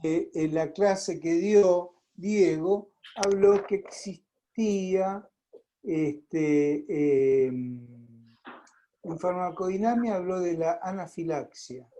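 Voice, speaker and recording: Argentine male lecturer, warm mellow voice, chatty, checks the class often, video call mic. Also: high voice, poor audio. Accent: Argentine Spanish. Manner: conversational, fills pauses and checks in with the class. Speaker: pharmacology lecturer.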